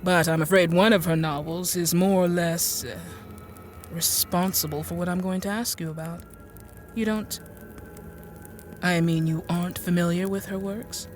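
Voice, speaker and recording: A fairly low, natural voice with fairly even intonation and a moderate pace carries this actress's portrayal of a genteel, infirm middle-aged inventor. The woman is bookish and politely apologetic, speaking in courteous, hesitant, old-fashioned phrasing through radio-drama monologue and dialogue, faint music underneath.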